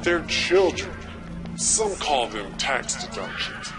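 A man's voice: on the high side, sing-song, slow, over music. An actor playing a grumpy adult man in a children's TV comedy, delivering his lines with exaggerated comic emphasis. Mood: grumpy warning.

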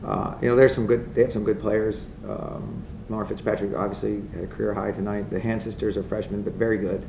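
A man's voice: fairly low pitch, level tone, a little fast, creaky. A middle-aged man, a head coach, answering blunt and matter-of-fact at a postgame press conference at a table mic. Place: press room. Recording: echoey room, from far off, with noise.

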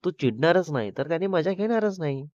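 A calm, motherly middle-aged woman who comforts and gently chides, voiced by a man reading the story. The sound is dry, close and a little dull. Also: a little high, quick pace, dry recording, close to an everyday voice. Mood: soothing. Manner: soothing, motherly scolding. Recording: slightly dull lo-fi recording.

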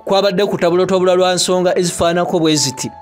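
High-voiced Ugandan male news presenter. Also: steady tone, very fast, faint music behind. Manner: emphatic, repeats phrases for effect. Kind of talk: news bulletin voice-over.

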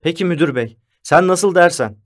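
A man's voice: a little high, moderate pace, voice pushed up, natural voice. Fields: man voicing a fawning stammering canteen keeper. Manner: stammering and apologetic. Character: sly, fawning male school canteen keeper. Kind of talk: audiobook character voice.

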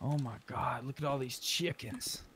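Heard over noisy game voice chat, a man with a medium-pitched voice speaks at normal speed. He's casually chatting in character as a player in an online zombie survival roleplay.

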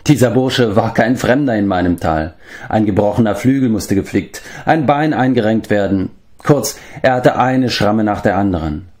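A man voicing a wise, grave old man who watches over the animals, in a measured, stately storybook manner. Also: fairly low pitch, a little mellow, natural voice. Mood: kindly.

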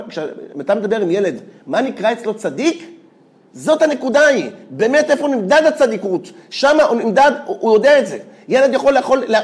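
A man with a notably high voice delivers a rabbi's lecture full of stories. He speaks with animation, doubling back on words and laughing as he goes. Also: a little mellow. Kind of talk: lively storytelling lecture.

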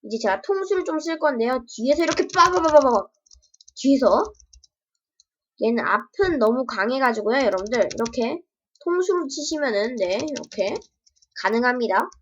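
A woman's voice: sits high, expressive, normal speed, slight background noise. A woman demoing her own game with casual, playful commentary, full of sound effects and yelps. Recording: dull lo-fi home recording.

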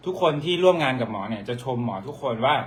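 A man's voice: mid-range voice, expressive, quick pace. A man with an Isan Thai accent, a doctor, chatting casually and bickering back with his partner. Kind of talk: casual couple chat.

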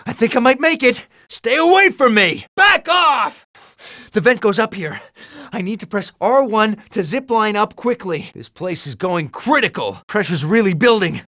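A young American superhero from a video game, cocky and full of quips. His pitch bounces freely from line to line, and the sound is close and dry. He comes across as upbeat and animated. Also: no room sound. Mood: urgent, excited. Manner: quippy, animated.

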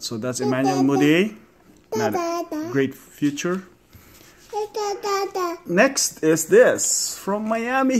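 Excited guy vlogging an unboxing at his table, chatty, laughs a lot, mid pitch, bit of hiss in the room. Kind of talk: casual unboxing vlog. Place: home, at a table.

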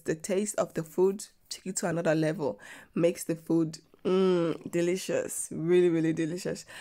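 A woman's voice: lowish voice, a little mellow. A woman chatting casually as she cooks in her home kitchen, talking to the camera while she works at the stove. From Sierra Leone. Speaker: cooking vlogger. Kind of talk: casual cooking narration. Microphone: camera pointed at the stove, speaker off frame.

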